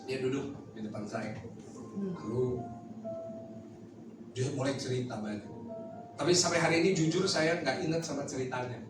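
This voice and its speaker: A man in his thirties, a pastor giving a lively testimony sermon and talking straight to the congregation with jokes. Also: medium pitch, normal speed, long pauses. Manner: lively storytelling, addresses the listeners directly, jokes. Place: large church hall. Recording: very echoey hall, mic far off, music behind.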